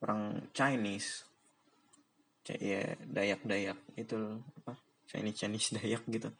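A man's voice: on the low side, little pitch movement, slow, vocal fry, a bit bright. Rambling, chatty young Indonesian man. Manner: chatty, rambling, laughs often, slangy. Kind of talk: casual monologue.

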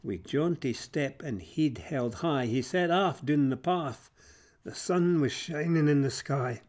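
A Scottish man narrates fables in Scots verse with a theatrical, expressive delivery, shifting between hushed drops and emphatic swells. His voice is on the high side and his pace is slow.

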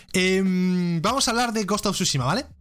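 A man with a Spain Spanish accent hosts a live gaming stream, talking in a somewhat high voice. He rants bluntly and swears freely into a close microphone. Faint music plays underneath. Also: measured pace, a bit bright. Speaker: host of a live gaming show. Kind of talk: ranting live-stream commentary. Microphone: close desk microphone.

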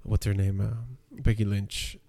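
A man with a low, gravelly voice co-hosts a casual wrestling podcast. His tone is dark and mellow, and he hesitates often as he searches for words. The recording is dry and close. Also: steady tone, no room sound. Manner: halting, searches for words, many fillers. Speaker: podcast co-host.

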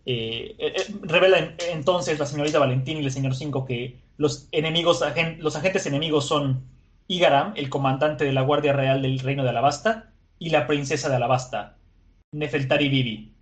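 A man casually recapping an episode, animated and chatty with many fillers. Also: fairly high pitch, normal speed.

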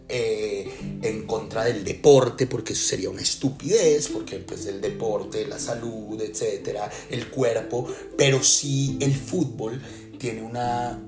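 A man from Colombia with a Colombian accent, a writer and lecturer musing in a casual, thoughtful way with many pauses and restarts. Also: on the low side. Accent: Colombian Spanish. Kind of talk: casual reflective talk. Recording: music clearly behind.

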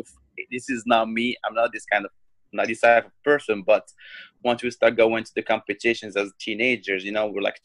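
A man in his twenties from Morocco, a guest on a podcast, telling his story in a halting way with many ums and restarts. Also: on the low side, a bit bright, no echo, rough recording. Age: 20s. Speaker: guest, professional fighter. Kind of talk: casual interview talk.

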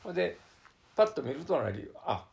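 Older man, Kansai accent, gravelly, lively pitch; survivor testimony told vividly with lots of fillers. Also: normal speed. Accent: Kansai Japanese, Wakayama dialect. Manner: vivid storytelling with sound words, many fillers. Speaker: flood survivor recounting his experience. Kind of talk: oral history testimony.

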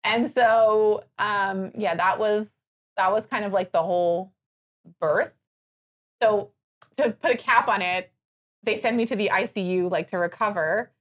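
A woman on a podcast telling her birth story in casual chat, animated and full of fillers, her nose stuffed up. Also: medium pitch, measured pace, pauses often.

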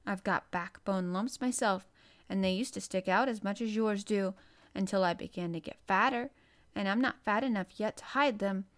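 A woman's voice: mid-range voice, normal speed, lightly acted. A woman voicing a savage-tempered, bossy little girl in a storybook, cross and scolding. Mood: cross, firm.

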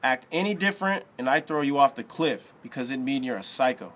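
Rough, bossy teen leader with blunt slang, storybook voice, as a male narrator puts him on. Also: medium pitch, expressive, fairly quick, fairly bright tone, natural voice. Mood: gruff. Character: gruff teenage boy leader, blunt and bossy.

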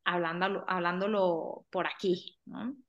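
A woman with a Mexican accent hosting a podcast, talking informally and haltingly, with repeated words and tag questions. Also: on the low side, fairly even intonation, dull audio. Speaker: podcast host. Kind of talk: casual conversational podcast introduction.

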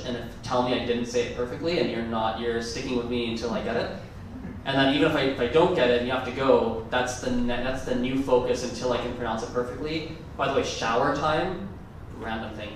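Speaking at medium pitch with slight background noise, the Gujarati-native presenter gives a loose, chatty conference talk, repeatedly correcting himself mid-sentence. The recording comes from a far-off mic in a large, echoey conference room.

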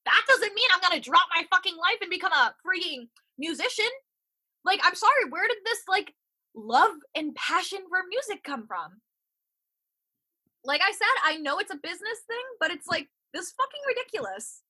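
Ranting high-voiced young woman, animated. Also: moderate pace. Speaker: podcast co-host. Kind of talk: casual podcast chat.

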